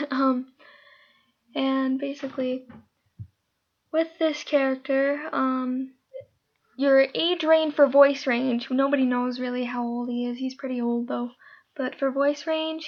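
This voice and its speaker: A woman's voice: sits high, muffled recording. A woman hosting a casting call, talking casually and rambling with lots of fillers and self-corrections. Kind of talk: casual talk describing characters.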